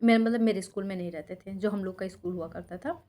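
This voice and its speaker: A woman's voice: medium pitch, fast talker, mellow. A young woman from Sultanpur, India, a teacher telling her life story to her viewers in a casual, conversational way, often checking in with them as she goes. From Sultanpur district, Uttar Pradesh, India. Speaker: teacher and YouTuber.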